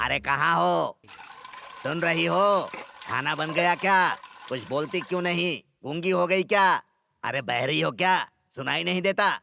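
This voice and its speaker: A nagging, lazy husband. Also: male voice, on the high side, measured pace, gravelly, sharp tone, a little hiss or hum, full character voice. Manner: nagging, grumbling, bossy. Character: lazy bossy comic husband and father. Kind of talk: Hindi film dub comedy scene.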